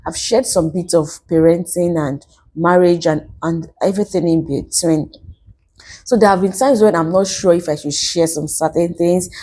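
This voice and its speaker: Female vlogger, thirties, lower register and very mellow tone, devout testimony, restates phrases for emphasis. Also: fairly even intonation, normal speed. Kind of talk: personal testimony vlog to camera.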